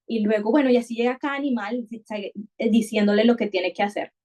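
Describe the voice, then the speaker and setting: A woman's voice: a little high, a little fast, dark tone. Reflective woman podcast host. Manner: thoughtful, many restarts and repetitions. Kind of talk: reflective conversational podcast talk.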